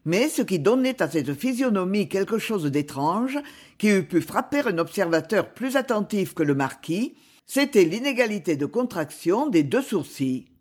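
A woman reading a chapter of a classic novel aloud in a measured, expressive storytelling manner. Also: mid-range voice, husky. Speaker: audiobook reader. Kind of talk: scripted narration of a novel.

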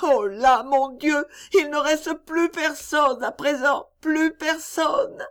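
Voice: high voice, takes it slowly, fairly bright tone, pitched above the performer's own voice. A reader voicing a grieving young girl servant who is crying and pleading in broken speech. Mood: sobbing.

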